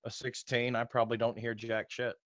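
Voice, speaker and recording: A man's voice: mid-range voice, level tone, fairly quick, fairly bright tone, no room sound. A man playing a tabletop game, talking casually and informally about his character's moves.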